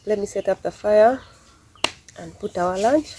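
Her voice is medium in pitch and a little slow: a young woman from Uganda, with a Ugandan accent, demonstrates village cooking over an outdoor wood fire surrounded by banana plants. She calmly narrates every step for viewers as she works, recorded on a ground-level camera whose noisy audio shifts with her movement.

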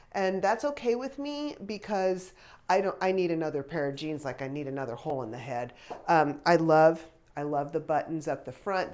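Slightly stuffy from congestion, a woman in her fifties unboxes and tries on clothes for her fashion vlog, chatting casually. Her medium-pitched voice is a little mellow, picked up by a clip-on lapel mic in a small pink bedroom. She muses aloud, breaking into small laughs.

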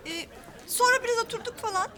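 A woman's voice: very high-pitched, fast, very noisy. An actress playing a naive, girlish young fiancée who turns tearful. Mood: chatty.

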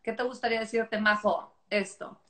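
A woman's voice: medium pitch, fairly even intonation, normal speed, fairly bright tone. A woman with a Mexican accent, hosting a casual video chat and asking encouraging questions. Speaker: host, interviewer. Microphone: video call.

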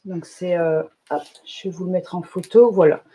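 A woman running a live shop presentation, chatty and enthusiastic, often filling pauses with little interjections. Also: fairly low pitch, mellow, breathy edge. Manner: chatty, enthusiastic, fills pauses with "hop" and "euh". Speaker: shop owner presenting new products. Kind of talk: live product demonstration.

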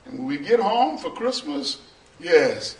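A middle-aged male pastor preaching a sermon in a small church. He preaches slowly and builds to shouting, half-sung peaks. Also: on the high side, sing-song. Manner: slow, preachy, rises to shouting and half-singing. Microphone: far camera, no mic seen. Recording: roomy church echo from far off.

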